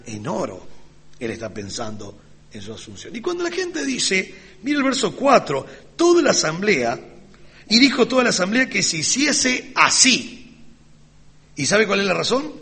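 A man preaches with ironic, sarcastic flair. His voice is bright and a bit high, and it swings widely in pitch. The sermon echoes with a long hall reverb. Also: vocal fry, husky. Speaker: pastor.

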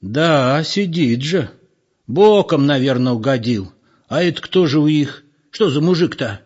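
A nosy village man, as a male reader puts him on, asking eager questions in a raised voice. The husky voice sits in a dull, lo-fi recording. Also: on the high side, animated, unhurried, a little mellow, pitched above the performer's own voice. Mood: curious.

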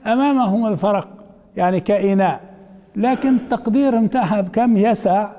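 A man's voice: sits high, fairly quick, dark tone, big-room sound. A man teaching a hadith commentary, reading the text aloud, then explaining it in colloquial asides and putting questions to his class.

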